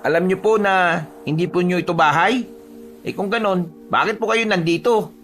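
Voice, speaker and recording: A man's voice: high-pitched, normal speed, a bit bright, soft background music, pitched above the performer's own voice. A man voicing an earnest young male friend who talks politely in a story. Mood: puzzled polite.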